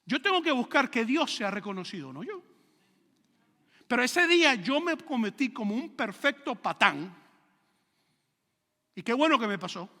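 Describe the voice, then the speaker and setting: A middle-aged male pastor preaching a sermon, animated, asking his listeners rhetorical questions and acting out stories. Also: extremely high pitch, moderate pace, long pauses, in a large hall. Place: church sanctuary.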